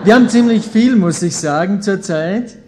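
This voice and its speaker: A visiting preacher in his late thirties who leads a Bible school addresses a live audience indoors in a folksy, informal style, leaning on key phrases in his Austrian accent. His voice sits high and mellow at normal speed.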